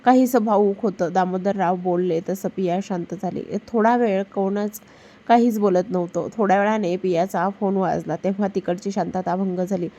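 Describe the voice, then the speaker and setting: A woman narrating a story calmly and evenly. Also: fairly low pitch, normal speed, lo-fi sound. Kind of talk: scripted narration of a Marathi story.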